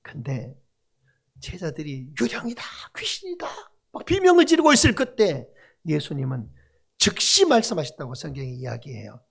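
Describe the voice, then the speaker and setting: Pastor, male, high and very expressive pitch, sermon with call-and-response. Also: normal speed, creaky, slightly rough. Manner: animated preaching with call-and-response to the congregation. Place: church sanctuary.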